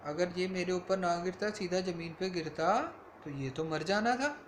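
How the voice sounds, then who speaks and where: A man's voice: sits high, normal speed, reverberant, slight background noise, natural voice. A man voicing a poor male villager who pleads with the king in a bedtime story. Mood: pleading. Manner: pleading, protesting.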